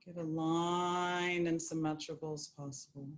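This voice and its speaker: A woman guiding a yoga nidra meditation, speaking in a slow, soothing, prayerful way. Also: low voice, fairly even intonation. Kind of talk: guided meditation.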